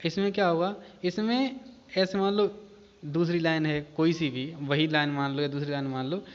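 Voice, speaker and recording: A man teaching, who reads English definitions slowly and then explains them in Hindi with many repetitions. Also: fairly high pitch, fairly even intonation, clear, resonant tone. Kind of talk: explanatory lecture. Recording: muffled audio with long reverb.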